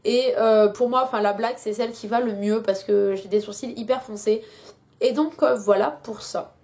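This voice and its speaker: A woman's voice: on the high side, steady tone, moderate pace, darkish tone. A young woman chatting casually in a beauty product review, full of hesitations, while she has a headache. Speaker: beauty vlogger.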